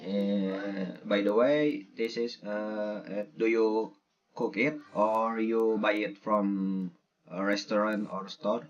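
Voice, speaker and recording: Young man from Indonesia, student interviewer, slow and halting, lowish voice, dull lo-fi sound. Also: steady tone. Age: young adult. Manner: halting, with many fillers. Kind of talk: casual interview for a class assignment.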